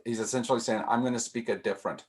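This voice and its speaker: A man's voice: medium pitch, fairly even intonation, very fast, darkish tone. A man leading a casual group discussion, thinking aloud with frequent restarts and repeated words.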